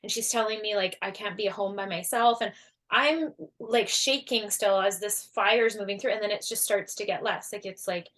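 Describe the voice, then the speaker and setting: Animated storytelling woman guest. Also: medium pitch, moderate pace. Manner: animated, acts out quoted voices, many fillers. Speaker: guest, energy healer and coach. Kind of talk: casual storytelling.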